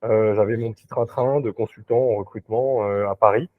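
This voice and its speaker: A man's voice: lowish voice, fairly even intonation, a little fast, dry recording. A man who works as a recruiter, talking as a guest in a casual interview over a video call, hesitant, with many fillers and restarts. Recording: dry tinny video-call audio.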